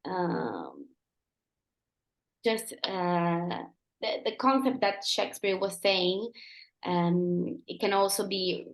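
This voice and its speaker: A teenage podcast co-host chats casually, saying "like" and "um" a lot, and reads a sonnet aloud. Her voice is on the low side with big pitch swings, and she speaks slowly with frequent pauses in an echoey room.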